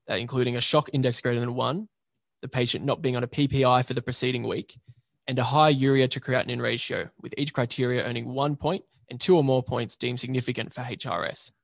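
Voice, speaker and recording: A man who works as an emergency registrar presents a journal paper, reading a prepared summary in a measured, methodical way. His voice is medium-pitched, and there is no room sound.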